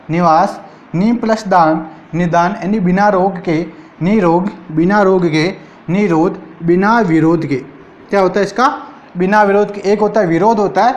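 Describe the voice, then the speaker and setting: Rajasthani guy teaching hindi grammar, highish voice, says every word twice and keeps asking the class. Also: dull audio. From India. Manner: repeats each word slowly and asks the class questions. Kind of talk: exam-prep grammar lesson.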